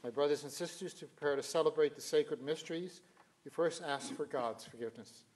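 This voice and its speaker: A man's voice: fairly high pitch, a little fast, darkish tone. Older male priest leading Mass. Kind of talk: liturgical speech at Mass. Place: church sanctuary at the altar, indoors.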